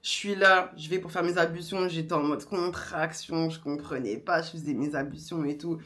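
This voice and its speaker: A young woman vlogger, telling a story in a casual, animated way and acting out the others. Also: low voice, moderate pace. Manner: animated, slangy, acts out voices of others.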